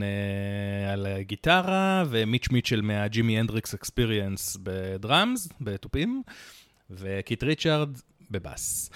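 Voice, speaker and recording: A man's voice: mid-range voice, smooth, no room sound, clean studio sound. A man co-hosting a podcast, telling the story in a casual, chatty way with many fillers and little asides. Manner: chatty, recounts events with many fillers and quips. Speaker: podcast co-host.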